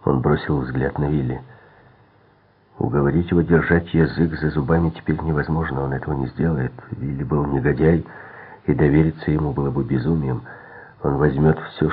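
A man narrating a thriller audiobook in a measured, steady manner. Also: rumbling low, creaky, husky. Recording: tinny phone-like sound.

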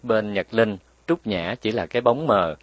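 A man narrating a children's story calmly, as an audiobook reader. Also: lowish voice, normal speed, no room sound.

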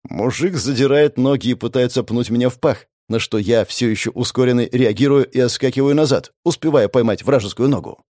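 A male narrator reads a first-person story with a gritty, sardonic edge, swearing freely and often sinking into low mutters. His voice sits in the middle range. The recording is dry and close, with no room sound. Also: a little fast, warm tone, no room sound. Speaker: audiobook narrator.

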